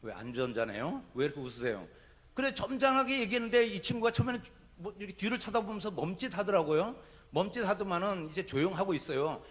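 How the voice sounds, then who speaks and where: Korean pastor telling a lively story. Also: male voice, high-pitched, fast. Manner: animated, humorous anecdote telling. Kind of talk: sermon with storytelling. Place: church sanctuary.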